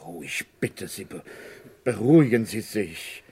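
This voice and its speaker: In a radio play, an actor gives a full character voice to a composed, courteous village notary who is under suspicion. His husky, mellow male voice sits fairly low and is expressive, and he speaks politely and deliberately, with halting explanations and a soothing, courteous mood.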